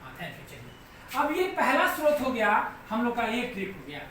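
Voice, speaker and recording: A man's voice: very high-pitched, huge pitch swings, normal speed, pushed and bright. A man teaching a live online grammar class, patiently repeating each step and often checking that students follow. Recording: very echoey room, voice far from mic, faint background noise.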